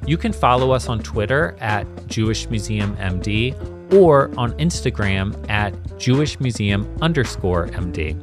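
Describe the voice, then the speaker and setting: Low-voiced male podcast host over music. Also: expressive. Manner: measured, scripted outro. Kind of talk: hosting an interview podcast.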